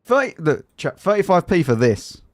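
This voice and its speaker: A man's voice: a little high, very animated, normal speed, no echo, clean studio sound. An English man live streaming a game, chatting casually in an opinionated, exclamatory, colloquial way. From England. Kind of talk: casual live stream commentary while gaming.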